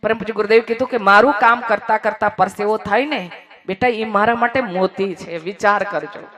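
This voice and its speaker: Lively woman preaching to a crowd. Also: mid-range voice, fairly quick. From Gujarat. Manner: lively, teasing the crowd, leading chants. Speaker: religious storyteller. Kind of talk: devotional sermon.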